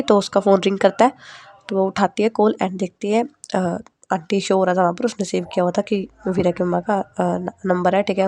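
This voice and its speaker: A woman's voice: mid-range voice, a little mellow, dry recording. A woman narrating a story casually, with frequent fillers. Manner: conversational, repetitive fillers like ठीक है.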